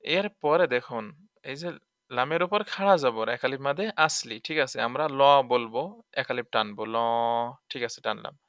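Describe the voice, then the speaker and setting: A man with a bright, crisp, medium-pitched voice teaches Quran recitation in a tajweed lesson, breaking words into letters and sounds and reciting them in a drawn-out way. Animated, he asks the listener questions, recorded at studio quality with no echo.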